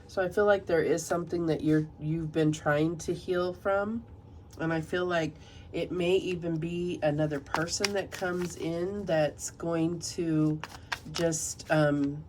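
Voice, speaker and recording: This tarot reader's voice sits low and has a slight nasal quality from a cold. She goes through the cards gently and slowly, reading guidebook passages aloud against a noisy background.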